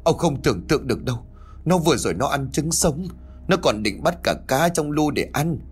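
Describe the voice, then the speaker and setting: A man voicing a frantic middle-aged village mother who stammers and pleads in a shrill voice. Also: expressive, normal speed, slightly rough. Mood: panicked.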